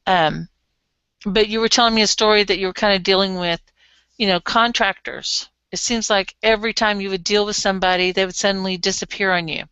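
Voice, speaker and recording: Bright, crisp-voiced woman coach. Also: medium pitch, fairly quick, no room sound, dull audio. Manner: lively, frank, laughs easily. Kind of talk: coaching session.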